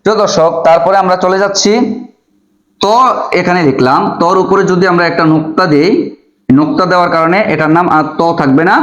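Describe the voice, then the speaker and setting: Patient male Quran teacher, fairly high voice, repetitive drill delivery, slightly muffled echoey recording. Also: steady tone, fairly quick, fairly bright tone. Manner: patient, drawing out letter sounds again and again. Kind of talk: step-by-step lesson on Arabic letters. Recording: echoey, dull room sound.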